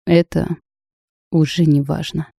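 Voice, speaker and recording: A woman voicing a reserved, calm man who speaks in measured, curt phrases. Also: deep voice, creaky, husky, dry recording, clean studio sound, exaggerated voice. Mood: cool.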